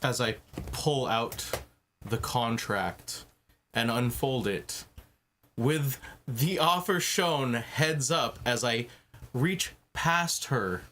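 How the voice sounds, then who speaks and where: A man's voice: mid-range voice, very slow, fairly bright tone, slight background noise. Composed, wry male player. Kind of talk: casual tabletop play.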